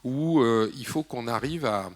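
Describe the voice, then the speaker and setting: An elected official, a man, speaks at a round table in a conference hall. He hesitates and restarts often, and his pitch sits in the middle. He drops jokey asides along the way. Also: unhurried.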